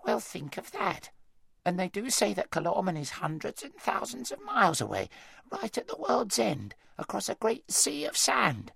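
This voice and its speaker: A thick, wheezy male hedgehog in a storybook, chatty and unhurried, with a folksy drawl, as a male narrator puts him on. His voice sits far above the reader's own and the delivery wanders over a wide melodic range. The recording is close and dry. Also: high-pitched, sing-song, creaky, bright, forceful tone, husky, no echo, voice pushed up, exaggerated voice. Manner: drawling, homely country speech. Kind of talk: audiobook character voice.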